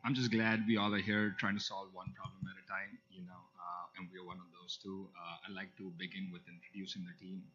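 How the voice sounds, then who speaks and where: A man, a student, giving a team startup pitch in a measured way with fillers. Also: little pitch movement, pushed and bright, a little hiss or hum. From India. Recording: slightly muffled event audio.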